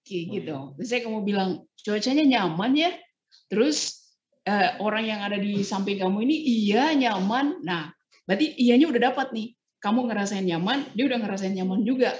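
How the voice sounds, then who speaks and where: A woman's voice: mid-range voice, a little fast. A woman trainer giving a casual online training talk, acting out short example dialogues as she explains. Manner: lively, acts out example dialogues. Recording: roomy, dull lo-fi sound.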